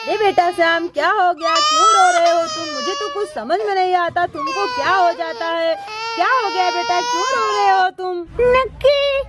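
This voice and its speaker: A woman's voice: extremely high pitch, lively intonation, moderate pace, very noisy. A woman voicing a worried, fussy village father in a doll-play story, calling out anxiously. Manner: anxious, raises voice when upset.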